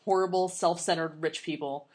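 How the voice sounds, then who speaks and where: A woman's voice: sits low, fairly even intonation, normal speed, a little mellow. A woman casually discussing a film and its book with a co-host, blunt and opinionated, swearing freely. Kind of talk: casual movie review chat.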